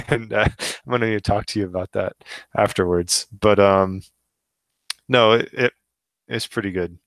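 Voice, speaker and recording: Podcast co-host, man, thirties, smooth low voice, casual and halting, dry close mic. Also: no echo. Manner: hesitant, many restarts and fillers, relaxed. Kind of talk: casual gaming chat.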